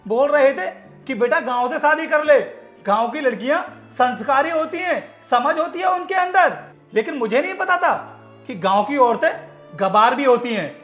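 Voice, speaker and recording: A man's voice: extremely high pitch, lively intonation, moderate pace, fairly bright tone. An actor playing an arrogant company manager who scorns his village-born wife, harsh and domineering in a short film drama. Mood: scornful. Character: arrogant man, cheating husband. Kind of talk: Hindi short-film acting. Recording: echoey room, music underneath.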